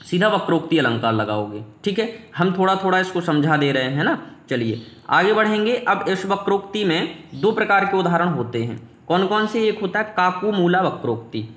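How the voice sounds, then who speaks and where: A man's voice: a little high, fairly bright tone, reverberant. A male teacher giving an exam-prep grammar lesson, asking his students questions and answering them himself.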